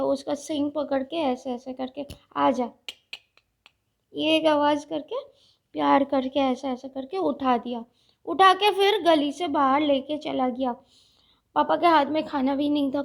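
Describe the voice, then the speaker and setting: A woman vlogger chatting unscripted to her viewers, speaking slowly and deliberately with many fillers and restarts. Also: high voice, steady tone, vocal fry. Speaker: vlogger reviewing a reality show. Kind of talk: casual unscripted chat to viewers.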